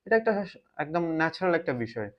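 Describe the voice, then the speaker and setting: Bangladeshi man musing with many pauses. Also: a little high, big pitch swings. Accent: Bangladeshi Bengali. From Chittagong, Bangladesh. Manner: reflective, pauses often to search for words. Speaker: vlogger. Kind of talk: casual talk to camera. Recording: slightly dull lo-fi sound.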